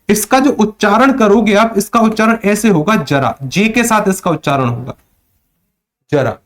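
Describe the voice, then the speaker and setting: A man teaching Hindi in a live online class, who asks questions and answers them himself, often calling his students sir. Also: high-pitched. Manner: addresses students as sir, reads out chat comments.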